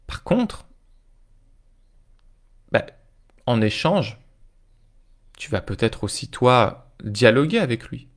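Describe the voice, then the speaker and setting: A man's voice: mid-range voice, big pitch swings, takes it slowly, pauses often. Male life coach, casual live-stream talk, speaks straight to viewers and keeps asking if they follow. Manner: informal, addresses viewers directly, often checks in with "ok?".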